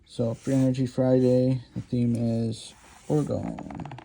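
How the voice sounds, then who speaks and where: A man with a low, dark, gravelly voice talks through an informal lecture. He rambles and hesitates, filling gaps with ums and restarting his sentences as he draws. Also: unhurried, a little hiss or hum. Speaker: lecture host.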